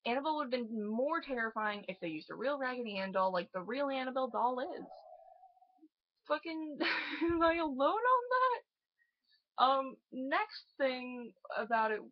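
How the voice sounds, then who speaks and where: A woman's voice: high voice, very animated, unhurried, no room sound, muffled recording. A young woman in her late teens giving a casual, profane, exasperated movie review and laughing often.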